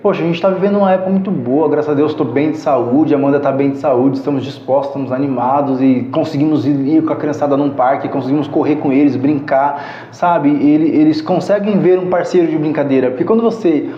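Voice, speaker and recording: A man's voice: on the high side, fast. A Brazilian man in his thirties telling heartfelt personal stories as a podcast guest. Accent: Brazilian Portuguese. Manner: earnest, heartfelt storyteller. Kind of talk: casual storytelling interview. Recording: echoey room, muffled sound.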